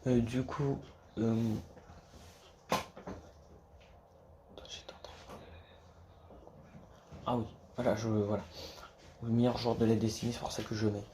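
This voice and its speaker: A man's voice: mid-range voice, little pitch movement, a little slow, pauses often, dark tone, slight background noise. A man talking casually to camera about basketball, rambling with many restarts and casual swearing. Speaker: basketball YouTuber.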